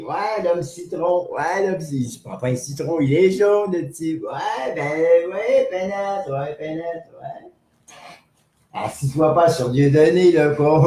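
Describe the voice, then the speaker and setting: A man voicing a rambling, boastful, cranky old man on an improvised comic live stream, insulting people and jumping into squeaky highs. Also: a little mellow, echoey room.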